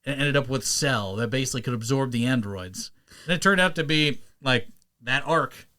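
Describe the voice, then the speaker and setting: A man in his thirties hosting a casual podcast, animated and quick to break into cartoon character impressions. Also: mid-range voice. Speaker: podcast host. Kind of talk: casual chat.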